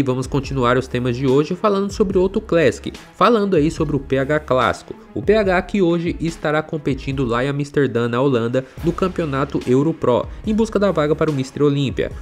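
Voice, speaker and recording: A man presenting sports news in a scripted narration style, reading at a brisk bulletin pace. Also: a little high. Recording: voice-over with background music.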